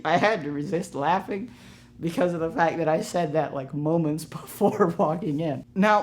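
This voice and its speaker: Young man telling comedic work stories. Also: on the high side. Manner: animated, self-deprecating, frequent restarts. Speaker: storytime animator. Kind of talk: comedic storytime narration.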